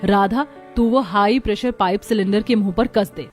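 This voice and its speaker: A woman speaks at a moderate pace in a mid-range, darkish voice, lightly acted, with faint music behind her. She voices the confident eldest daughter-in-law in a village cartoon, giving assured, instructive explanations in scripted dialogue.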